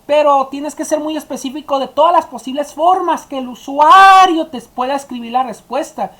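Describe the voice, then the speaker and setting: A woman's voice: sits high, moderate pace, fairly bright tone. Woman explaining a coding tutorial. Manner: explaining step by step, addressing students directly. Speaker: teacher. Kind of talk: screen-recorded coding tutorial.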